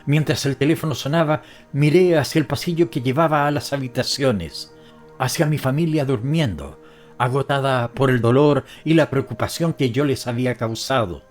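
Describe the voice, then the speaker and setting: A man narrating a first-person audiobook story in a somber, measured way. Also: mid-range voice, soft background music.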